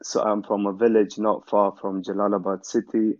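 A young man from Afghanistan, the guest in a casual interview, tells his story easily at a moderate pace in a voice on the low side. He relaxes into it with lots of "you know" fillers. The recording is dull, dry, and lo-fi, with no echo.

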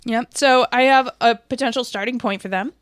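American female host, sarcastic news commentator, crisp voice, very dry recording. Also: on the high side, normal speed, no echo. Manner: wry, sarcastic. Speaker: host of a political commentary show. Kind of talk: news commentary, reading articles aloud between casual opinion.

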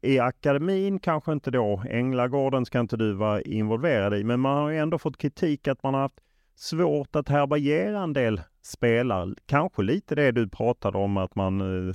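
A man's voice: medium pitch, darkish tone, no room sound, clean studio sound. A man working as an interviewer, putting questions in a conversational style.

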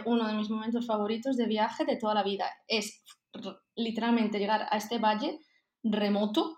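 A woman's voice: medium pitch, a little mellow, roomy sound. A woman with a Spain Spanish accent, telling her stories as a podcast guest and acting out her own self-talk. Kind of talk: casual conversation.

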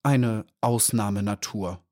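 A man's voice: on the low side, slow pace, a little mellow. A man voicing a shy, curious newborn girl bee with a childlike, questioning manner, in a storybook reading. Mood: timid.

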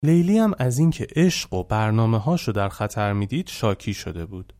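A man's voice: fairly low pitch, sing-song, dark tone. A man narrating a true story he was told, in a colloquial, reflective storytelling manner.

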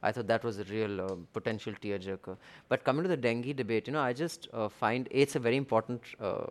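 Guy with an indian accent, talks really fast, medium pitch, chatting through news commentary. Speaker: discussion host.

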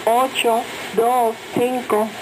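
A woman reading single words and digits one at a time, evenly spaced, in a numbers station monotone on a shortwave radio broadcast. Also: on the high side. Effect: numbers station monotone, slow and flat over shortwave radio. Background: radio static and hiss.

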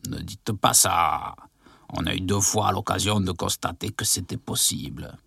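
Timid little visitor guy, quiet and low, mumbly, hesitant. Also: measured pace, gravelly, breathy edge, no room sound, studio quality, heavily acted. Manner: soft-spoken, hesitant, murmuring. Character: meek, timid visitor asking a favour. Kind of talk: stage comedy sketch acting.

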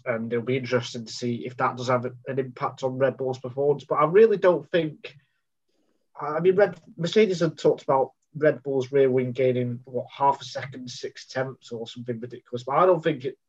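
A man co-hosting a casual chat, hesitant and often restarting his sentences. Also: medium pitch. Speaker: podcast co-host. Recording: dull lo-fi sound.

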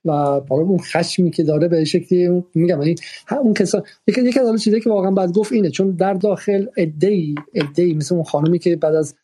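Guy hosting a talk, very dark husky voice, thinks out loud with lots of ums. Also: sits high. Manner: thoughtful, hesitant, many fillers. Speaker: host. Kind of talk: moderating a discussion.

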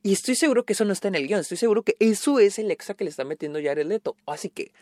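A man's voice: sits high, expressive, rapid-fire, a little mellow, no room sound, studio quality. A man with a Mexican accent giving a casual, blunt, profane film review and repeating his points for emphasis. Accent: Mexican Spanish.

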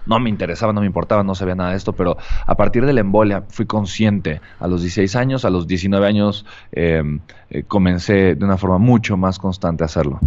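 A man's voice: sits low, quick pace, a little mellow. A man speaking as a guest in a casual interview conversation, talking in a hesitant way with many restarts. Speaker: podcast guest. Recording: dull lo-fi sound.

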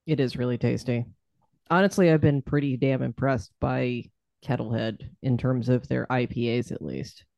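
A man's voice: medium pitch, fairly even intonation, normal speed, vocal fry, a little mellow, no room sound. A man co-hosting a podcast, making dry, wry remarks in a casual chat over beers. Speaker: podcast co-host.

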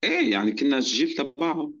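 Bright, forceful Levantine Arabic man. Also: on the high side, wildly swooping pitch, fast, dull audio. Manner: switches between Arabic and English slang. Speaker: guest. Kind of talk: casual chat.

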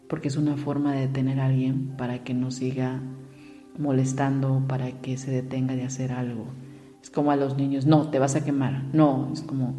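A woman's voice: very deep voice, warm tone, in a large hall. A woman gives a reflective motivational talk and asks her listeners direct questions. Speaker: speaker on emotions.

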